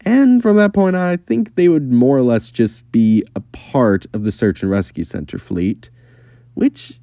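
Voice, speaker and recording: A man's voice: medium pitch, animated, unhurried, warm tone, dry recording, clean studio sound. A man giving casual fan commentary, thinking aloud and speculating with fillers and small restarts. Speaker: fan video creator.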